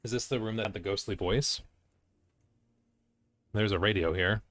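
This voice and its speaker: A man's voice: fairly low pitch, normal speed, a bit bright. A man giving casual gameplay commentary, muttering short fragments to himself and reading on-screen text aloud. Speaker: gamer playing and commenting on a video game.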